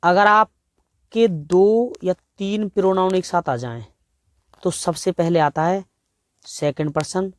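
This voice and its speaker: A male grammar teacher with an Indian accent speaks in a slightly raised voice. He works through exam sentences at an unhurried pace and reads each example word by word. The sound is dry and close, with no room echo. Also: sits high. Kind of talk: exam-prep grammar lesson.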